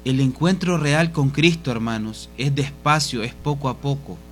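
A man preaching a sermon in a fervent, pleading way, his voice dropping soft each time he addresses the congregation. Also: mid-range voice, normal speed, faint music behind.

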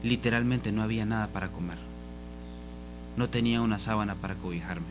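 A man preaching a sermon in a fervent, pleading way, his voice dropping soft each time he addresses the congregation. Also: lowish voice, brisk, over music.

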